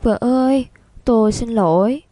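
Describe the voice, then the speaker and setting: A woman voicing a doting middle-aged rich man who coaxes and pleads softly. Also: medium pitch, fairly even intonation, a little fast, dry recording, lightly acted. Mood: pleading. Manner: coaxing, pleading.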